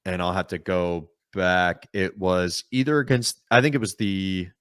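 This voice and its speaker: Low-voiced man chatting about hockey. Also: unhurried, clear, resonant tone, no room sound, clean studio sound. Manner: calm, talkative, explains at length. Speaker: podcast co-host. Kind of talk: casual sports chat.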